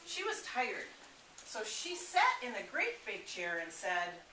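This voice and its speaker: A woman reading a story aloud to young listeners, telling it in an expressive, animated way. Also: medium pitch, takes it slowly, slight background noise. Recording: echoey room, from a distance.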